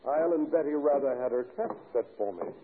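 Actor as a needling, animated ghost-believing professor. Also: male voice, medium pitch, fairly quick, phone-quality sound, natural voice. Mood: droll teasing. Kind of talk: old-time radio drama acting. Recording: noisy, band-limited old radio recording.

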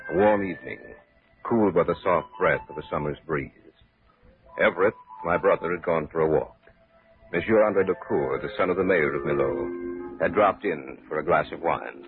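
An actor playing an American novelist who narrates his own story, speaking in an earnest, expressive way in an old radio drama. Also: deep voice. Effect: old radio show. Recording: lo-fi phone-like broadcast with faint music.

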